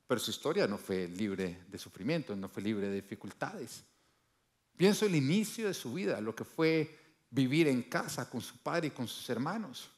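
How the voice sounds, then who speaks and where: A male pastor delivering a sermon, emphatic, swinging from loud bursts to low, quiet lines and acting out the voices he quotes. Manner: acts out quoted voices in his preaching.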